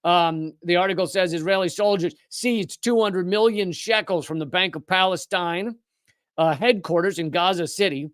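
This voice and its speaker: A man's voice: high voice, moderate pace, fairly bright tone, clear, resonant tone, dry recording, studio quality. A man hosting a political commentary show, speaking in an impassioned, sarcastic monologue. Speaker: host.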